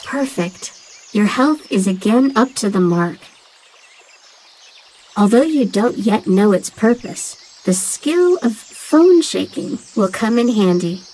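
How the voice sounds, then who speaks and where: A woman voicing a loyal talking dove who guides the player through a game tutorial in a clear, instructive tone. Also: medium pitch, expressive, slow, warm tone, a little hiss or hum, poor audio.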